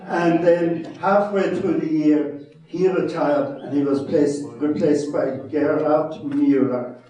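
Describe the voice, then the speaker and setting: A retired mission priest in his seventies with a West of Ireland accent gives an informal talk as a guest speaker, telling anecdotes in a wry, self-deprecating, preacherly way. His fairly high voice sounds mellow, recorded on a distant mic in a large echoey hall before an audience.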